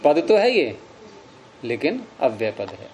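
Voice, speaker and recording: A man's voice: medium pitch, huge pitch swings, slow pace, darkish tone, slight background noise. A man teaching a grammar lesson, explaining each step patiently and asking questions that he answers himself.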